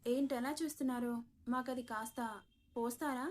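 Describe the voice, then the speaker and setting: A woman's voice: sits high, fairly even intonation, moderate pace, a little hiss or hum, lightly acted. A woman voicing Indu, a cheeky, bossy young bride in a storybook reading.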